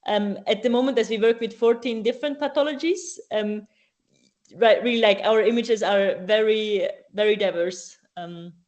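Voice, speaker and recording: A woman answers questions in a relaxed live Q&A. She hesitates often, filling gaps with ums and breaking off to rephrase. Her pitch sits in an ordinary middle range. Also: moderate pace, dull audio. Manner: hesitant, many ums and restarts. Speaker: speaker at a student AI event.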